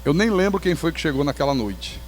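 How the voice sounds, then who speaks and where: Brazilian man, pastor, animated sermon testimony, bits of humor, echoey church hall. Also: fairly high pitch, brisk. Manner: animated storyteller with touches of humor. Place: church sanctuary.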